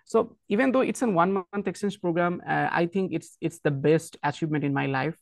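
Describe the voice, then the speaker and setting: Young man, student guest, earnest, hesitant, gravelly, dry close sound. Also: on the high side, a little fast, dry recording. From Bangladesh. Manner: earnest, hesitant, apologetic about his English. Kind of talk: self-introduction in an online class.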